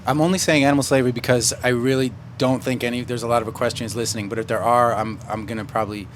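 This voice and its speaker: A male radio host with a mid-pitched voice cuts in with quick, jokey remarks between his guest's answers. A faint hiss runs under the studio sound. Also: fairly even intonation. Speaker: radio talk show host. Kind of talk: radio talk show banter.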